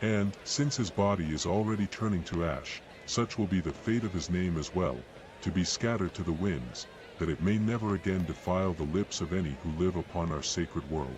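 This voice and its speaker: An actor playing a cold, solemn executioner who declaims in a grandiose, ceremonial manner in a dramatic video game. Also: male voice, low voice, normal speed, background noise, lightly acted. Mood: solemn, contemptuous. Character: cold solemn male executioner presiding over public burnings.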